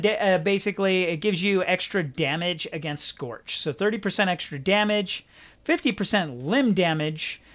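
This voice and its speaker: A young man hosting a gaming channel, giving casual, rambling commentary with lots of fillers. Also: fairly high pitch. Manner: relaxed, rambling, many fillers.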